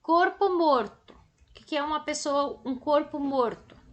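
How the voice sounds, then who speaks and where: Brazilian woman teacher, high voice, unhurried lesson for kids. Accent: Brazilian Portuguese. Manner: slow, drawn-out and didactic, stretching words for emphasis. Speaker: primary school teacher. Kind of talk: recorded remote lesson for children.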